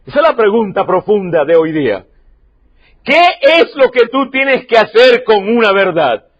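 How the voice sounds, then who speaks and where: A man preaching a sermon as pastor, emphatic, repeating key lines and swinging from loud to quiet. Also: high-pitched, sing-song, normal speed, slightly rough, dull audio. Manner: emphatic preaching, repeats key phrases, varies loudness sharply.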